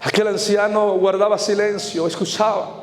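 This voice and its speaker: A man's voice: high-pitched, flat delivery, moderate pace. A man preaching his testimony as an evangelist with a Mexican Spanish accent, passionate and dramatic. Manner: impassioned preaching, quoting voices in his story. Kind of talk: sermon testimony. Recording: hall reverb, faint music behind.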